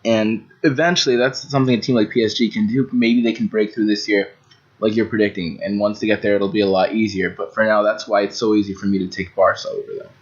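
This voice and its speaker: Low, measured man on lo-fi audio. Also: fairly even intonation. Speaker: podcast co-host. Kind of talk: casual sports chat. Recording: dull lo-fi podcast audio.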